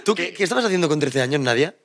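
A man co-hosting a casual interview show, playful and quick to laugh. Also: fairly high pitch, lively intonation, background noise. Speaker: show host.

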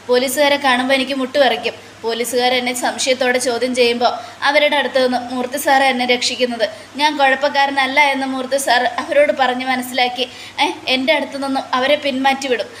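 A woman's voice: high-pitched, fairly bright tone, slight background noise. A woman voicing a frightened male shop worker and father of two who stammers and pleads anxiously.

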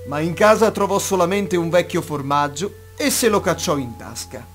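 A man telling a bedtime fairy tale with a fairly high and very animated voice. His reading is expressive and full of life. Soft instrumental music plays quietly behind him. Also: normal speed. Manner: expressive, lively storytelling. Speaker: storyteller.

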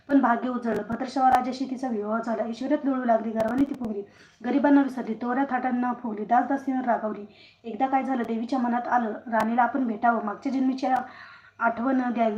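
A woman narrates a devotional tale in a steady, rhythmic storytelling manner. Her voice sits fairly high and rings in a roomy space. Faint noise runs behind.

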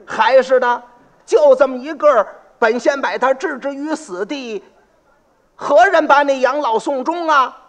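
A man's voice: very high-pitched, a little slow, pitched above the performer's own voice. A man doing a blustering county magistrate. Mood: lecturing. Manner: lecturing, officious bluster. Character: pompous male county magistrate, hot-tempered and blustering.

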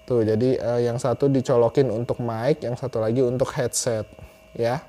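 A man's voice: mid-range voice, fairly even intonation, normal speed, background noise. Chatty young man. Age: young adult. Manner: chatty, repeats phrases for emphasis. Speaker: YouTuber reviewing gear. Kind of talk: casual product review to camera. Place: small room indoors. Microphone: clip-on lapel mic.

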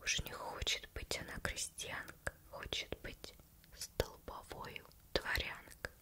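A woman's voice: slow, close to an everyday voice. Woman whispering as a meek old fisherman, whispered role-play. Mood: pleading. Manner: pleading, deferential. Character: meek, weary old fisherman, henpecked husband.

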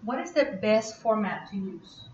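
A woman giving a live workshop presentation, chatty and quick to ask the audience questions. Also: medium pitch, animated, noisy background. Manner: chatty, asks audience questions, laughs often. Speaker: conference presenter. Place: conference room. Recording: echoey, muffled room recording.

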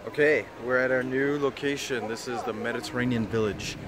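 A man's voice: mid-range voice, steady tone, a little fast, a crowd in the background. A man in his thirties vlogging casually from a phone held at arm's length as he walks through a market and streets, playful and chatty. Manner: playful, chatty, jokey asides. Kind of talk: casual travel vlog chat. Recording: loud street and traffic noise.

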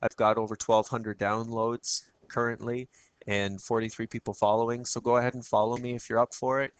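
A man with a froggy, croaky voice giving a casual screencast tutorial as a teacher, chatting through each step and often checking in with "okay?". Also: mid-range voice, little pitch movement, fairly quick.

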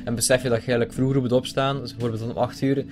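A man's voice: medium pitch, rapid-fire, music in the background. Rambling, swearing young Flemish man. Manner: excitable, rambling, swears constantly. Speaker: YouTuber. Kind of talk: casual comedic vlog.

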